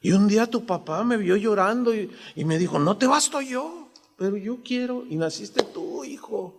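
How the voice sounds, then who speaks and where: A man with a Mexican accent voicing a tender aging biblical mother who softly confides in her son about her husband. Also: high-pitched, expressive, moderate pace, gravelly, big-room sound, voice pushed up, exaggerated voice.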